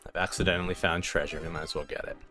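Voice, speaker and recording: A man's voice: low voice, level tone, rapid-fire, pushed and bright, soft background music. A man hosting a casual let's play, rambling with lots of fillers and chuckles as he plays. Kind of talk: casual gameplay commentary.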